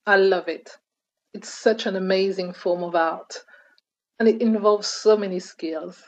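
A woman reading an interview translation as a calm voice-over. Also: medium pitch, unhurried, lo-fi sound.

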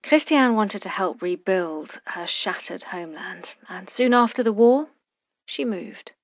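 Woman reporter reading a documentary script, measured and deliberate, very dry sound. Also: mid-range voice, animated, dry recording. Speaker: radio reporter and narrator.

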